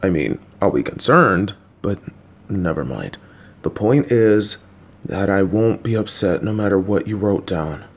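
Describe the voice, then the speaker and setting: Sitting low with lively intonation, this man's exaggerated voice moves a little slowly. He is a voice actor in a listener-directed audio roleplay, playing a patient, slightly clueless, supportive middle-aged father who calmly coaxes and reassures his child with jokey asides.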